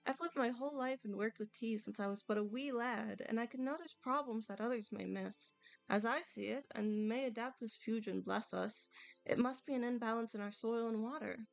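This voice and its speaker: A woman's voice: fairly high pitch, normal speed, gravelly, dry recording, soft background music. A woman voicing a very old, apologetic village tea farmer in formal, courteous, old-fashioned phrasing, reading video game dialogue. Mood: earnest. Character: polite, apologetic elderly village tea farmer, Grandpa Liu.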